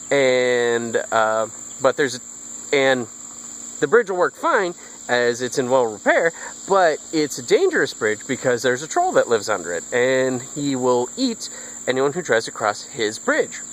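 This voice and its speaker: A man's voice: medium pitch, a bit bright, low-quality recording. Rambling man telling a story outdoors. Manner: rambling, with false starts. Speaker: vlogger. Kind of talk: casual storytelling vlog. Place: outdoors in a backyard.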